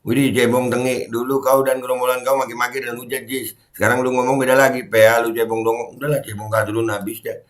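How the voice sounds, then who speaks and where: A middle-aged man, heated and mocking, ranting as a commentary YouTuber and shouting when angry. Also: mid-range voice, flat delivery, quick pace, few pauses.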